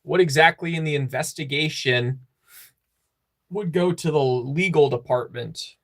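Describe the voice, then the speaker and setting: A man's voice: on the high side, measured pace. Joking livestream host man. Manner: joking, rambling, singing snippets. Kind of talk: casual livestream chat with chat.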